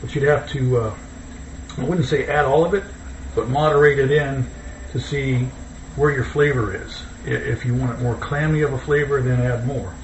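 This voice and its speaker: A man's voice: mid-range voice, steady tone, moderate pace. A man chatting casually as he cooks at home, easygoing and thinking aloud. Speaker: home cook hosting a cooking video. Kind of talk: casual cooking chat. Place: indoors, kitchen. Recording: distant mic, dull, echoey, noisy room.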